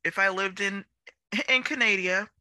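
Forceful, bright woman podcast host. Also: medium pitch, normal speed, no echo. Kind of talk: casual chat interview.

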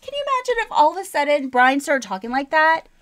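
A woman in her fifties co-hosting a podcast, telling stories in animated casual chat and acting out quotes. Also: fast talker. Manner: animated storytelling, acts out quotes with sharp pitch jumps. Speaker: podcast co-host.

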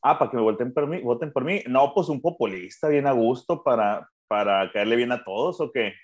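A man's voice: mid-range voice, a little fast. A man with a Sonoran, northern Mexican accent chatting casually as a podcast co-host in slangy frat-bro talk. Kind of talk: casual chat.

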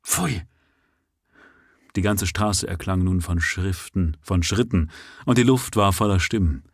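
A man reading a story aloud live at sight, with expressive, unhurried narration. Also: deep voice, no room sound, studio quality. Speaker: audiobook narrator.

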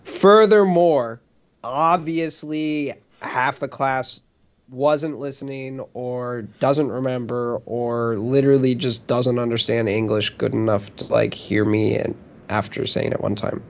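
A man's voice: medium pitch, measured pace. A young man co-hosting a podcast in casual chat, telling stories about teaching English with lots of "like" fillers. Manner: animated storytelling, many "like" fillers. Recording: slightly dull lo-fi audio.

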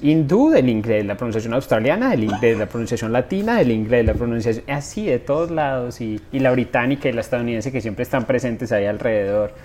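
A man's voice: medium pitch, expressive, a little fast, few pauses, darkish tone, slight background noise. A young adult man, co-hosting a casual podcast, joking and rambling through explanations. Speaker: podcast co-host.

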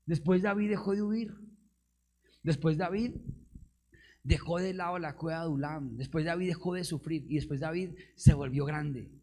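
Pastor preaching with call-and-response. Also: male voice, on the high side, normal speed, dark tone. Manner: call-and-response with the congregation, rhetorical questions, bursts of emphasis; playful, laughs with the audience. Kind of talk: live sermon.

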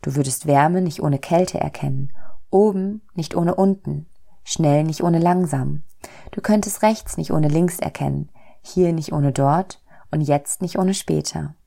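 A woman as a gentle, patient God. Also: sits low, a little slow, vocal fry, full character voice. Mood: calm. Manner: gentle, calm explaining. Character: kind, calm, patient God, fatherly. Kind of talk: storybook reading.

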